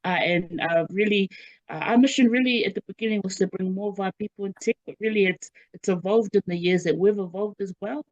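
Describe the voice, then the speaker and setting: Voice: mid-range voice, fairly quick, no echo. Enthusiastic New panelist on headset mic. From New Zealand. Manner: enthusiastic, chatty, many fillers. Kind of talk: online panel self-introduction. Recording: dull, dry lo-fi headset call audio.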